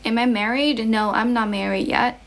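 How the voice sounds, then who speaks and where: A young Chinese woman speaks English with a Chinese accent carrying some American influence, her voice fairly high and steady at a normal pace. Livestreaming from a relative's house as an English teacher, she chats casually and encouragingly with viewers and often repeats phrases.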